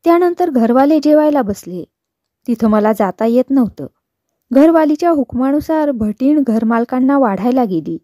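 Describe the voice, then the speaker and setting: Mellow woman reading a novel aloud. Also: sits high, normal speed, no room sound. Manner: steady, even storytelling with quoted dialogue. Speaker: novel reader. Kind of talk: scripted narration of a novel.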